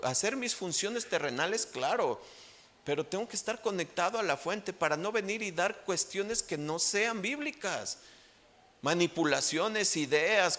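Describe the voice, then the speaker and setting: Mexican man preaching a sermon. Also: fairly bright tone. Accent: Mexican Spanish. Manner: emphatic preaching, rising in pitch on key points, asks the congregation for amens. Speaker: pastor.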